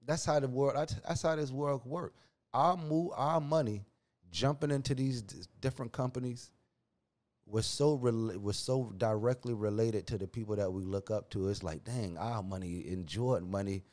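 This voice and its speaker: A man hosting a podcast, talking casually and heatedly in slang, his pitch jumping when he gets worked up. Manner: animated, slangy, calls listener "dog"; restless pitch, rises sharply when worked up. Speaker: podcast host. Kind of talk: casual opinion talk.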